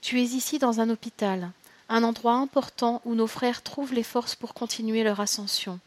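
A woman voicing a soft-spoken spirit guide. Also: fairly high pitch, steady tone, moderate pace, no room sound, natural voice. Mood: solemn. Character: calm spirit guide, gentle and solemn. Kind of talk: storybook reading.

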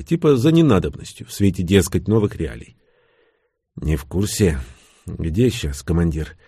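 A man narrates a thriller in the first person with a wry, sardonic edge. His voice sits low and husky and moves with lively, animated pitch. The recording is close and dry. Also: no room sound. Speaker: audiobook narrator.

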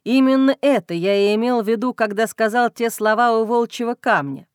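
A woman voicing a young male werewolf alpha, intense and tender, in a lowered, hushed voice for an audiobook. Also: a little fast, clear, resonant tone, no echo, clean studio sound, natural voice. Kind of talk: audiobook reading.

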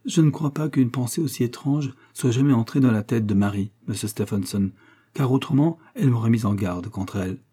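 A man voicing a distressed, tearful young woman who speaks firmly and pleads, in a husky dark voice. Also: mid-range voice, a little fast, close to an everyday voice. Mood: distressed pleading. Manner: pleading, emotional.

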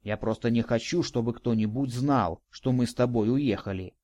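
A man voicing a quiet, stubborn and evasive boy in an audiobook. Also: mid-range voice, moderate pace, no room sound, natural voice. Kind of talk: audiobook dialogue.

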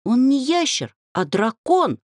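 A woman doing a shrill excitable young dryad. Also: a little slow, no echo, clean studio sound, heavily acted. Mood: excited. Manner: shrill, indignant outbursts. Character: excitable young female dryad friend, squealing and bossy.

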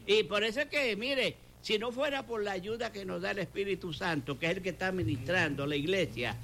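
An older pastor from Puerto Rico, speaking with a Puerto Rican Spanish accent, gives a fervent preaching testimony on a talk show, repeating phrases for emphasis and acting out quoted dialogue. His voice sits high and brisk, with vocal fry and a sharp tone, over slight background noise.

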